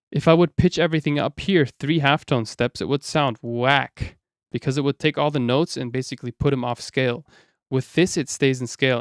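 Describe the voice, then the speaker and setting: A man demonstrating music software in a casual stream, excited and slangy, talking into a studio vocal mic in a home studio. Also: clear, resonant tone, no echo. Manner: excited, slangy, thinks aloud. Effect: robotic pitch-shifting auto-tune.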